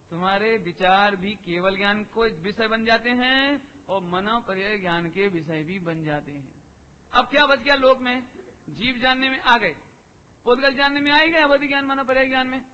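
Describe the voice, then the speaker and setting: A man's voice: extremely high pitch, bright, forceful tone. A man giving a sermon, putting rhetorical questions to his listeners and repeating phrases for emphasis. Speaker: preacher. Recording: long hall reverb, dull lo-fi sound.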